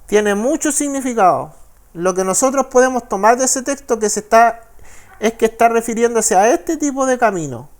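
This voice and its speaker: A man with a Chilean Spanish accent, a pastor teaching the Bible in a sermon. He reads verses slowly and keeps checking with listeners. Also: very high-pitched, expressive. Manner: frequent tag questions, slow deliberate verse reading.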